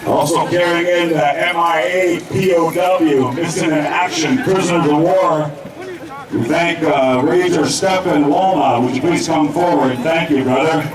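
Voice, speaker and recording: A man's voice: a little high, a little slow. A man acting as powwow emcee, announcing and thanking honored guests by name over an outdoor PA. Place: outdoors at a public gathering. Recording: echoey outdoor PA from far off, crowd.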